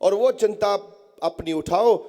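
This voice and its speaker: High-pitched, mellow man preaching earnestly. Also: slow pace. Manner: earnest, coaxing, addresses the congregation directly. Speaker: spiritual teacher. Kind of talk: devotional sermon. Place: prayer hall at a gathering.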